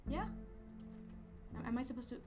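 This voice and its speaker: Doing let's play commentary over loud game music, this Swedish-accented man plays a goofy character who rambles, hesitates and stammers, letting out jumpy yelps whenever something startles him. He speaks at a normal speed in an extremely high-pitched voice.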